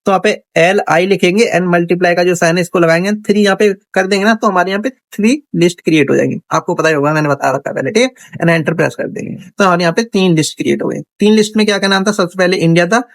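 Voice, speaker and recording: A man's voice: sits high, fast, dry recording. A man teaching a coding lesson over his screen, chatty and thinking aloud, checking in with the viewer often. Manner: chatty, thinks aloud, frequent "theek hai" check-ins. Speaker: coding instructor. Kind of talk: casual screen-recorded coding tutorial.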